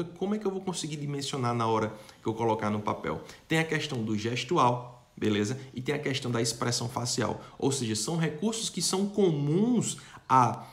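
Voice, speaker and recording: A man's voice: medium pitch, fairly bright tone. A young man teaching a lesson, asking rhetorical questions, answering them himself and checking in with his students. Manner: addresses students directly and checks in often. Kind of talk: online lesson.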